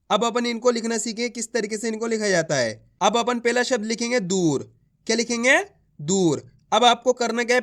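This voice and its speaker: A man gives a patient beginners' spelling lesson. His voice sits high, and he stretches each word out before breaking it into sounds. He asks his viewers questions and answers them himself. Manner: drawn-out words, repeats each word to the learner. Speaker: Hindi teacher.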